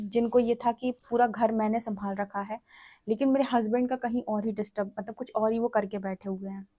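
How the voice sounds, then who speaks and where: A woman giving a tarot reading in a direct, lecturing way, often checking in with the listener. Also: a little high. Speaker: tarot reader.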